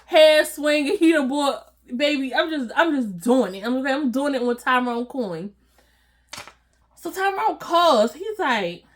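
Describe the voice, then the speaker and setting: Woman, young adult, high voice, slangy and animated storyteller for a vlog. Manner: animated, laughing often, slangy. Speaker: vlogger. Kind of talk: casual storytime chat.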